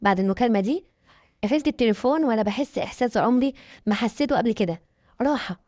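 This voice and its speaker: An Egyptian woman tells a dramatic first-person story with emphatic delivery. She speaks fast in a fairly high voice. The sound is dry and a little dull. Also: lively intonation, darkish tone, dry recording.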